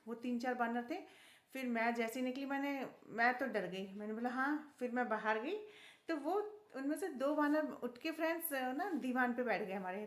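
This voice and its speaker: High-voiced chatty woman vlogger. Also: roomy sound. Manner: chatty, earnest, keeps addressing viewers as friends. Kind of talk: casual devotional storytelling to viewers.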